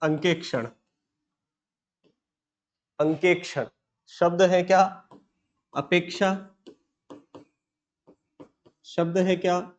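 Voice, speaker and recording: A man teaching Hindi grammar, slowly dictating words and repeating each one as a question and answer. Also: sits high, highs cut off. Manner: repetitive, asks and answers himself, slow dictation. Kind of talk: classroom lesson dictating words.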